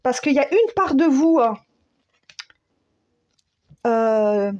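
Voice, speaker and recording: Woman tarot reader, slightly high voice; unhurried and halting, talking to listeners as friends. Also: lively intonation, darkish tone, dull audio. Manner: searching for words, many fillers, addresses listeners as friends; slow, soothing, repeats key phrases. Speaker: tarot and spiritual guidance reader. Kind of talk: spontaneous spoken guidance.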